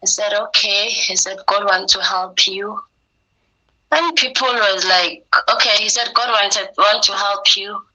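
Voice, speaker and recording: Young woman, very bright sharp voice, telling her story and acting out what people said. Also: medium pitch, unhurried, rough recording. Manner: animated storytelling, acts out quoted dialogue. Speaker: interviewee recounting her experience. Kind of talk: personal testimony in conversation.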